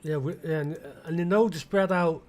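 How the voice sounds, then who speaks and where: British male gaming creator, slightly raised pitch, loose meandering commentary full of self-questions. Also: moderate pace, a little mellow. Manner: musing aloud, asking himself questions, many restarts. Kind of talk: rambling flight-sim commentary.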